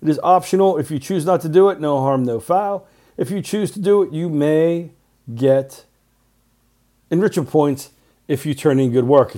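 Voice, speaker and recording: A man's voice: on the high side, mellow. A middle-aged male teacher recording class announcements for his students' podcast, talking in clipped short phrases with earnest reminders.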